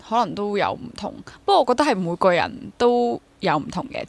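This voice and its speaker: This interview guest, a freelance theatre actor and drama teacher in her twenties, talks with a Hong Kong accent in a mid-range voice. Candid and self-questioning, she reflects openly in a casual interview and weaves English words into what she says.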